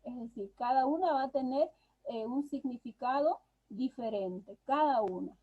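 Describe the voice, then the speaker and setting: A woman teacher with a husky, somewhat high voice leads an online lesson, explaining patiently and checking in with her students as she goes. The sound comes through a dull, lo-fi video call line. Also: normal speed. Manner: patient, explanatory, tags phrases with "¿no?". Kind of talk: online class lecture.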